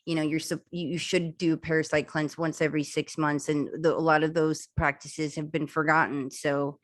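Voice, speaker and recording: A woman's voice: sits low, level tone, normal speed, no room sound. A woman guest speaker talking earnestly and chattily on a video call, with many "um"s and "like"s. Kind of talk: casual video-call chat.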